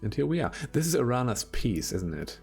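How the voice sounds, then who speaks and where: A man's voice: mid-range voice, very animated, fairly quick, creaky, darkish tone. A man casually commenting as he plays old computer games on a stream, chatty and swearing now and then, with game music behind him. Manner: chatty, swears while playing.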